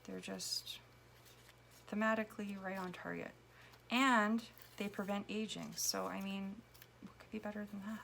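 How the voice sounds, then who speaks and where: A woman giving casual commentary while making a collage, a little hoarse as she loses her voice, dropping to a whisper as she works. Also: mid-range voice, fairly even intonation, unhurried, fairly bright tone, slight background noise. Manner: chatty, drops to a whisper while working. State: losing her voice. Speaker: collage artist.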